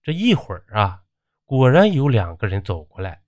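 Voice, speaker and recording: A male storyteller narrates a folk tale expressively. His low voice rises and falls a great deal. The recording sounds dry and close. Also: sing-song, moderate pace, dry recording.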